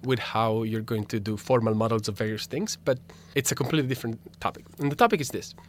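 Fast and mid-range in voice, a young native Italian speaker with an Italian accent discusses his philosophy research as a radio guest and graduate student. He is thoughtful but restarts often and leans on fillers, with a little hiss or hum audible.

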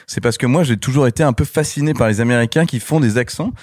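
A man's voice: mid-range voice, quick pace, dry recording. Laid-back hesitant man, dry sound. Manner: relaxed, hesitant with many fillers. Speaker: film director, guest. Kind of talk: casual interview chat.

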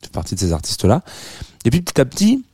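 A man's voice: mid-range voice, huge pitch swings, racing, a little mellow, slightly rough, no echo, clean studio sound. A man in his thirties presenting a radio music show in a rambling, chatty way, with many fillers and self-deprecating asides. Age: 30s. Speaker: radio host.

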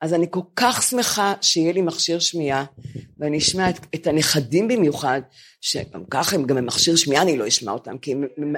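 An older woman in her seventies tells comic stories about getting old, mocking herself with animated swings in her voice. She co-hosts a chat podcast taped live in front of building residents. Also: husky. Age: 70s. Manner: animated, self-mocking, lively jumps in pitch. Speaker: podcast co-host.

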